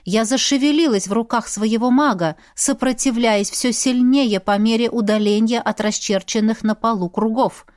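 A woman reading a first-person fantasy audiobook in a steady, expressive storytelling voice. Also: fairly high pitch, moderate pace, few pauses, no room sound, clean studio sound. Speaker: audiobook reader.

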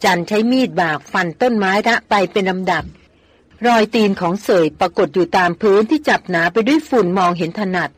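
A reader tells an adventure novel in a steady, measured way, voice pitched in the middle. The recording is dry and close, with no room echo. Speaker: audiobook reader. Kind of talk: scripted narration of a novel.

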